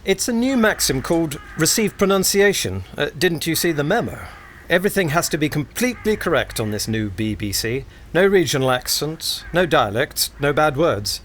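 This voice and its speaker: A man's voice: a little high, big pitch swings, normal speed, fairly bright tone, slight background noise. A man playing a teasing 1920s radio colleague. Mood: informative. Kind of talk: amateur radio play acting.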